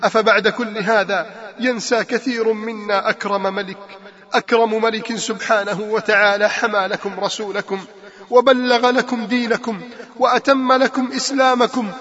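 A man's voice: sits high, little pitch movement, moderate pace, fairly bright tone. A man preaching a sermon, calling out to his listeners with repeated rhetorical questions. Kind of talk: sermon with Quran recitation. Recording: long reverb, muffled lo-fi sound.

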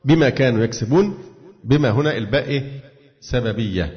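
A man's voice: mid-range voice, animated, fast. A man with an Egyptian accent teaching a religious exegesis lesson, asking himself questions and answering them. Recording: echoey, dull lo-fi recording.

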